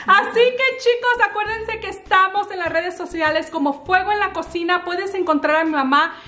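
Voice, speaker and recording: Woman in her 30s, cooking vlog host, chatty upbeat delivery, very high pitch, soft music under. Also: moderate pace. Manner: chatty, upbeat, addresses viewers directly. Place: home kitchen.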